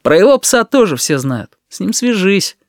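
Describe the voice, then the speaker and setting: A man's voice: high-pitched, big pitch swings, moderate pace, no echo, clean studio sound, pitched above the performer's own voice. A man voicing a sullen, slangy schoolboy who grumbles his answers.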